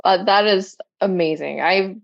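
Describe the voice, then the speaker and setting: A woman's voice: medium pitch, gravelly, no room sound, lo-fi sound. Chatty Southern-accented woman. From Florida, US. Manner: chatty, quick storyteller. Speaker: podcast guest. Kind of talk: casual chat.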